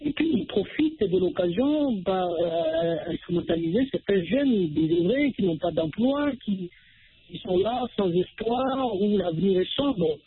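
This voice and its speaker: A man's voice: sits high, animated, measured pace, a little hiss or hum. A man with a Congolese French accent calling in to a radio show over a phone line, hesitant, with many fillers and repeated words.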